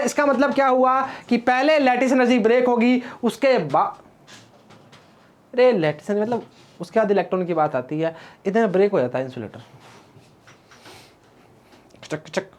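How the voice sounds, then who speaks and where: A man's voice: very high-pitched, moderate pace, long pauses. A man teaching physics in a casual classroom lecture, chatty and teasing as he talks straight to his students and wanders off into playful rhymes.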